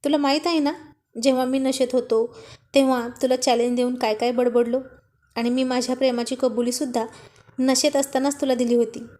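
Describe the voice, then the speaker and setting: A woman voicing a playful, mischievous young husband in a spoken story, with a slow, teasing delivery. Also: sits high, flat delivery, warm tone, lightly acted.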